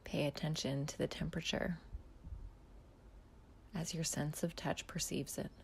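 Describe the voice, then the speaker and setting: Speaking slowly and softly, this female mindfulness guide walks listeners through a body scan, frequently dropping almost to a whisper. Her low, gravelly voice has little pitch movement, she leaves long gaps between gentle cues, and faint background noise can be heard.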